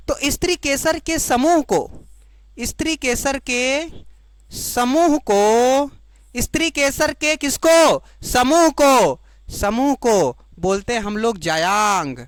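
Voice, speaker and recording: Woman teacher repeating terms slowly. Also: mid-range voice. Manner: repeats each term slowly, then asks checking questions; explains in Hindi, giving the English term for each. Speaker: biology teacher. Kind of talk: classroom lecture to board-exam students.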